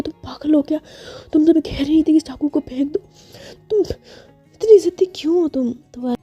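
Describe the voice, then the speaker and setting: Husky-voiced woman telling a story. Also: mid-range voice, warm tone. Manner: conversational storytelling with filler "ना". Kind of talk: storybook narration.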